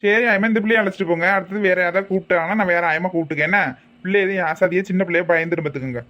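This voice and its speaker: A man playing a brisk, sharp-tongued kindergarten teacher. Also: sits high. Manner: brisk, bossy, quick to threaten. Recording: dull lo-fi sound.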